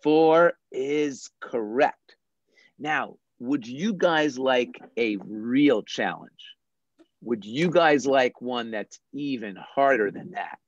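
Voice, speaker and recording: A math teacher patiently and deliberately explaining a puzzle to young children in an online class. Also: mid-range voice, lively intonation, no room sound, lo-fi sound.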